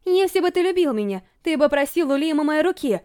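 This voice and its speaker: A woman voicing a stubborn, sharp-tongued young princess, scolding and indignant in an audiobook reading. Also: sits high, expressive, fairly quick, voice pushed up. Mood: angry.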